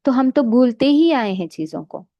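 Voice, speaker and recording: A woman giving a calm, explanatory spiritual meditation lesson, asking rhetorical questions as she teaches. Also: high voice, moderate pace, dry recording, dull audio. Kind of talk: spiritual lecture mixing Hindi and English.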